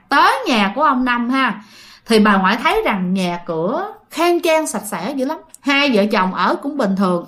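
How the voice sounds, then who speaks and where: A woman's voice: on the high side, fairly bright tone. A woman with a Southern Vietnamese accent telling a ghost story casually, talking straight to her listeners. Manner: chatty, addresses listeners directly.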